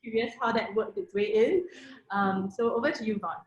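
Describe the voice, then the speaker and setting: A woman moderating a live panel event, pausing often with ums and repeated words. Her mid-range voice carries the echo of a roomy space. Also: medium pitch, highs cut off. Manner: hesitant, many fillers and restarts.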